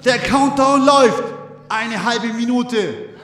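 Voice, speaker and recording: A man making a mock public announcement over a loudspeaker, calling out a countdown like an announcer. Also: very high voice, takes it slowly. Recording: echoey hall with loud rock music.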